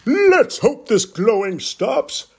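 A stern, fatherly old Santa, as a woman reader puts him on speaks slowly in a raised, breathy storybook voice. The lines lift above her usual tone and carry a lively sway of pitch. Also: full character voice.

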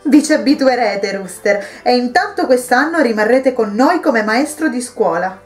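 A woman reading the lines of a kind, devout wife and mother who gently persuades a troubled guest to stay. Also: on the high side, expressive, normal speed, faint music behind, pitched above the performer's own voice, natural voice. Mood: gently persuasive. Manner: warm, patient pleading.

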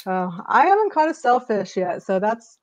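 A woman in her thirties, a charter agent, chats casually and upbeat on a live video call from a small home office, using wired earbuds and plenty of fillers. Her mid-range, slightly mellow voice swings widely in pitch at a moderate pace, and the dry recording has the slightly muffled sound of video call audio.

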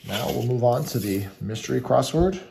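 A man's voice: medium pitch, animated, normal speed, vocal fry, noisy background. A man giving casual running commentary as he works, muttering to himself in short fragments and spelled-out letters. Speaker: host of a scratch ticket video.

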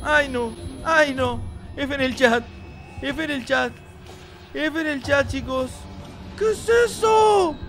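High-voiced excitable woman gaming host. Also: slow, soft background music. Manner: excitable, shrieks in alarm at game events; addresses viewers directly. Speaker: mother playing alongside her young child. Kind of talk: let's play commentary.

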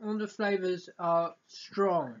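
A man's voice: sits high, slow pace. A middle-aged man talks casually and hesitantly through a snack tasting. He muses his way to each opinion. The sound is a dull webcam recording in a living room, with faint noise. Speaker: snack reviewer.

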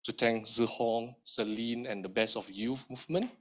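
A man with a hoarse, recovering voice giving formal opening remarks at an event, measured with frequent ums. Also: mid-range voice. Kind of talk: formal speech at a public event.

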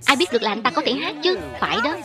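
A woman with a slightly high, sing-song voice reads a scripted cartoon dub at rapid-fire speed. She alone voices all the characters over the original, whose audio and music play loudly underneath.

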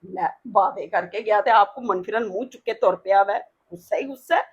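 A woman's voice: medium pitch, brisk, husky. A woman playing a worried, pleading mother in an emotional family drama. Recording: dull lo-fi sound.

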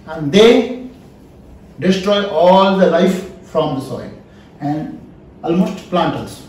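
High-pitched Indian-accented male lecturer, very echoey. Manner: emphatic, questioning the listeners, repeating key phrases. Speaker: trainer, lecturer. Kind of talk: interactive classroom lecture. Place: small wood-panelled indoor training room. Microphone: camera a few feet away. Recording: very echoey room, mic at a distance.

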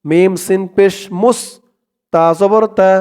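A man with a Bangladeshi Bengali accent teaching Quran recitation, spelling out letters and vowel marks and then chanting the words slowly. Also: high voice, dark tone, clear, resonant tone.

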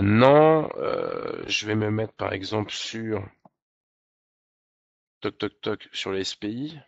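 Man demoing software in a dull, dry webinar recording. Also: mid-range voice, dry recording. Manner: conversational, many fillers and tag questions. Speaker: software presenter. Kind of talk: webinar screen-share demonstration.

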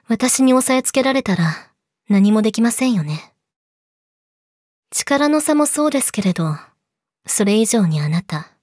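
A young woman playing a yandere girlfriend in a role-play audio drama, politely sweet, possessive and menacing, slipping into breathy whispers, close to the mic. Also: high voice, a little mellow, no room sound. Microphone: close studio mic, dry.

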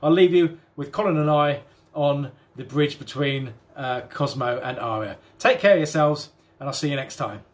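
A British man narrating a countdown for his vlog, chatty and unhurried. His voice sits slightly high and fills the pauses with ums and uhs. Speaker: vlogger.

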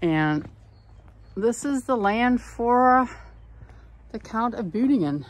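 A tour guide narrates a walking tour on old town streets, her voice on the high side with lively intonation and a slow pace. She chats casually outdoors, pointing out sights while she films.

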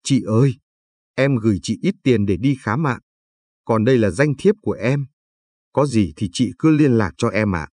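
A man's voice: medium pitch, animated, moderate pace, slightly rough, no room sound. A man reading as a polite, pleading young mother. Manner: apologetic, pleading, soft-spoken.

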